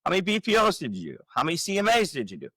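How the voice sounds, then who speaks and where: A man in his forties, a real estate coach talking on a podcast, explaining his framework with energetic rhetorical questions. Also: sits high, very fast, husky, no echo, low-quality recording. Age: 40s. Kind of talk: casual podcast talk.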